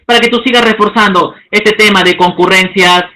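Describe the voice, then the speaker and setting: A man teaching a lesson, stretching out example words slowly and checking in with the class. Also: high-pitched, fairly even intonation, bright, forceful tone, rough recording. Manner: slow, drawn-out spelling of example words; checks in with listeners, asking okay.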